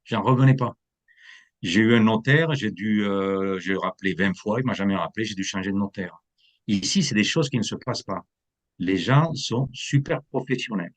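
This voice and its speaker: A man's voice: fairly low pitch, moderate pace. A man who is a real estate agent, from France, explaining the buying process in an interview and slipping English terms into his talk. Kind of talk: interview answers.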